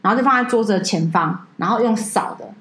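A woman co-hosting a podcast, telling stories in a casual, animated way and mimicking people in a high voice. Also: fast talker, reverberant, poor audio. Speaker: podcast co-host. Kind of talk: casual chat.

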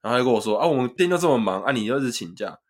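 Fast-talking Taiwanese man telling stories. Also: mid-range voice, breathy edge. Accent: Taiwanese Mandarin. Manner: animated storyteller, swears freely, acts out customers. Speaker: podcast co-host. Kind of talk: casual chat.

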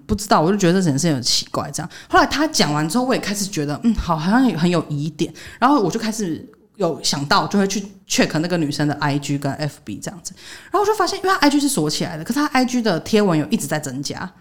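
A podcast co-host, a woman, talks fast while telling a story in a casual chat. Her retelling is animated, and she voices other people's quotes with jumps in pitch.

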